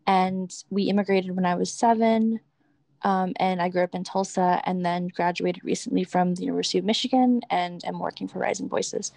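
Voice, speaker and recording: A woman's voice: fairly low pitch, fairly even intonation, fairly quick, vocal fry, darkish tone, dry recording. A young woman from Burma, a community organizer, joining a video call from her parked car. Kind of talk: casual video-call chat.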